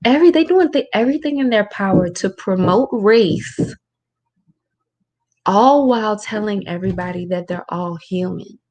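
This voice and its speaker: Woman talking low at home. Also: lively intonation, normal speed, darkish tone. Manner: informal, rhetorical, keeps asking "right?"; keeps her voice lowered. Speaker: spiritual teacher hosting a Q&A. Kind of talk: casual livestream talk with Q&A. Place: room at home.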